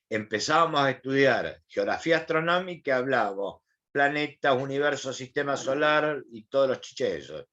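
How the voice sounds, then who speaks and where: A man's voice: mid-range voice, fairly bright tone, lo-fi sound. A man with an Argentine accent teaching an online class, asking questions and explaining in a colloquial way. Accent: Argentine Spanish.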